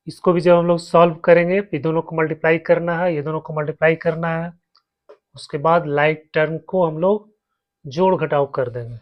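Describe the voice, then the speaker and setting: A man's voice: a little high, steady tone, moderate pace, dull audio. A man teaching a maths lesson, walking his students through each step and repeating terms as he writes. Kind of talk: slow blackboard maths lesson.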